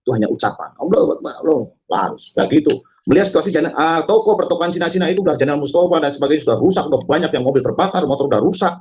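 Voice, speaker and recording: A man telling his story to an audience in a dramatic testimony, halting with many fillers and breaking into loud quoted shouts. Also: fairly high pitch, expressive, lo-fi sound, a little hiss or hum. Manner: halting, frequent fillers and restarts. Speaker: testimony speaker. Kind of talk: dramatic spoken testimony to a congregation.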